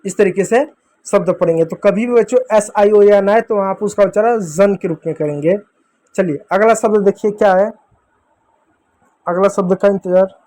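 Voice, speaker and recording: A man's voice: high-pitched, normal speed, warm tone. A man teaching English pronunciation to beginners, drilling each word step by step and answering his own questions. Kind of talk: explaining a phonics lesson to beginners.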